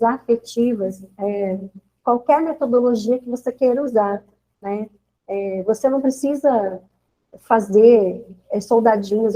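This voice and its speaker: A woman with a Brazilian Portuguese accent, a schoolteacher telling an animated story of a lesson in a course discussion. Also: on the high side, poor audio. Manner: animated storyteller, acting out classroom exchanges. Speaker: schoolteacher sharing classroom experience. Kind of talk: informal spoken account in a course discussion.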